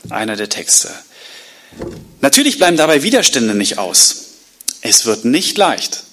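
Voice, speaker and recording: A man preaching a sermon, retelling a Bible story in a lively, colloquial way and acting out the quotes. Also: medium pitch. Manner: colloquial asides. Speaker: pastor.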